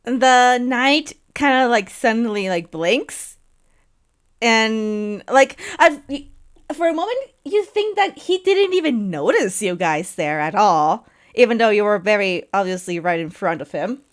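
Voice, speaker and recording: A woman narrating as game master of a tabletop game, giggly and animated, with lots of "like" fillers. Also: fairly high pitch, a little slow.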